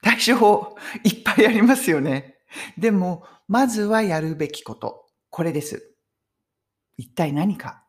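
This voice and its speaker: A middle-aged woman giving a casual English conversation lesson on video, talking in an emphatic, friendly teaching tone. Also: deep voice. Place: home in London.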